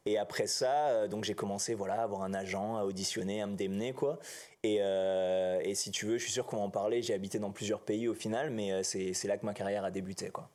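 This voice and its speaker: Chatty low-voiced man from New Caledonia. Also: fast talker. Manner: relaxed, chatty, many fillers like "si tu veux" and "quoi". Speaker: actor guest. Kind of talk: casual interview chat.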